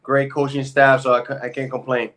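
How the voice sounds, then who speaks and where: A man's voice: mid-range voice, level tone, brisk, fairly bright tone. A man in his thirties from Puerto Rico, a pro basketball player telling his story in a laid-back, casual interview chat.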